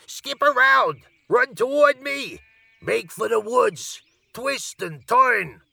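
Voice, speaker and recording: A man voicing a bossy farmyard goose in a storybook reading, giving high, urgent orders. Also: lively intonation, takes it slowly, creaky, sharp tone, dry recording, heavily acted.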